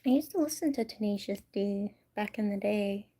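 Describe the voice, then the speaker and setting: A young woman from California chatting casually with her livestream viewers, soft-spoken and often slipping into whispers. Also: medium pitch, moderate pace, slightly rough. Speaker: livestream host.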